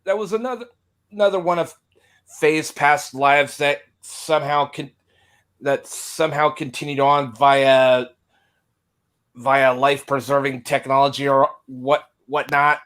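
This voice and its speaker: A man chatting on a casual podcast with friends, middle-pitched and eager. He talks like a devoted fan, blunt and loose, with casual swearing. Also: steady tone, measured pace, fairly bright tone. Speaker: podcast guest. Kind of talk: casual online podcast chat.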